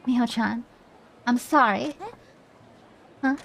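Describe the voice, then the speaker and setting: A woman's voice: a little high, takes it slowly, gravelly, a bit bright, full character voice. Woman reading as a shy young boy. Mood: tender.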